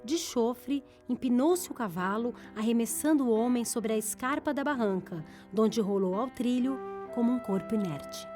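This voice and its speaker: A woman narrating an audiobook in a measured, steady reading style. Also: on the high side, soft background music.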